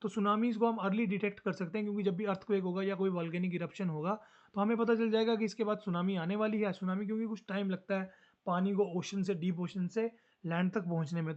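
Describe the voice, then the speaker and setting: A man teaching a social studies lesson fast and casually, mixing Hindi with English terms. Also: high-pitched, a little mellow, highs cut off.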